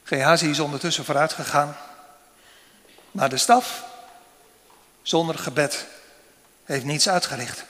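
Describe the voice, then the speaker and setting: A man preaches in a slow, measured cadence, leaving long pauses between phrases. His voice sits fairly high for a man. Long reverb from a large church hall trails after each phrase. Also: fairly bright tone. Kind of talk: sermon.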